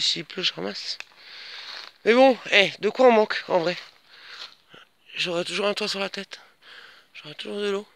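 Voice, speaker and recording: High, gravelly man rambling outdoors. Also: pushed and bright. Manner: rambling, defiant, addresses viewers familiarly; coos at pets in a much higher voice. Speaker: vlogger touring his rural land. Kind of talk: casual rambling walk-and-talk vlog. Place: outdoors on a rural property.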